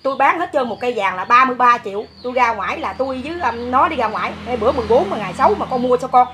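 A woman's voice: fairly high pitch, lively intonation, rapid-fire, pushed and bright, slight background noise. A woman in her fifties with a Southern Vietnamese accent, telling her story in a rambling way with many fillers. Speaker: interviewee, mother. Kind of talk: casual storytelling.

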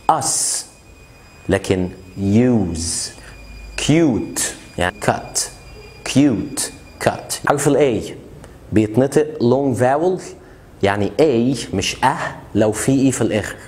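A man with an Egyptian Arabic accent giving a casual pronunciation lesson, repeating example words slowly and checking in with the learner. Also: fairly low pitch, darkish tone. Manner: chatty, asks learners questions. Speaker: English teacher.

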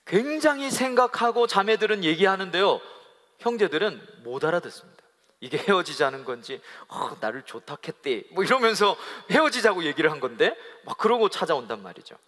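A male pastor with a high, ringing voice gives a lively sermon. He mixes humor and playful acting-out of couples' quarrels, and leads the congregation in call-and-response. His voice carries through the long reverb of a large worship hall. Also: a little fast. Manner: humorous, acts out quoted couple dialogue.

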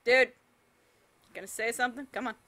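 A woman's voice: on the high side, fairly even intonation, fairly quick, sharp tone. A young adult woman giving joking, playful let's play commentary while she plays through a game. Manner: joking, playful, self-mocking. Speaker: gameplay streamer.

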